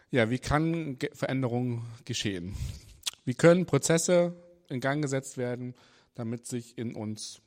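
A man opening a sermon in a conversational way, pausing and restarting as he searches for words. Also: medium pitch. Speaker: preacher.

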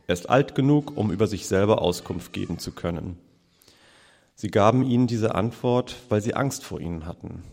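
A man reading a long scripture passage aloud in church, in a measured, steady way. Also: on the low side, vocal fry, in a large hall. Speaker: scripture reader.

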